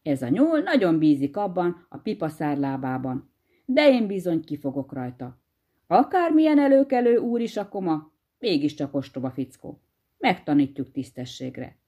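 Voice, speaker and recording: A woman voicing a sly, unhurried male hedgehog farmer in a storybook tale, crafty and bossy. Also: low voice, sing-song, warm tone, muffled recording. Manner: easygoing, crafty, bossy to his wife.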